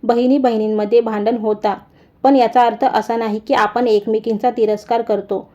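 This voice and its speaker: A woman voicing a kind, hardworking young wife who speaks gently and calmly, in a dull lo-fi recording. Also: a little high, moderate pace, lightly acted. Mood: gentle. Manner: gentle, calm.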